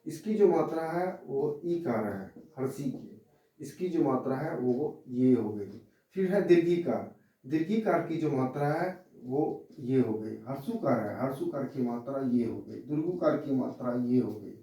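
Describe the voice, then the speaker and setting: A male English teacher giving a slow, repetitive classroom lesson, explaining letter by letter as he points to a board. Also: medium pitch, animated, warm tone. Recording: very echoey room, mic far off.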